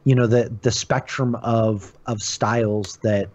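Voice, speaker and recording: A man's voice: fairly low pitch, steady tone, a little slow, darkish tone. A man chatting casually and animatedly about video games as a guest reviewer. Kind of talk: casual video game discussion.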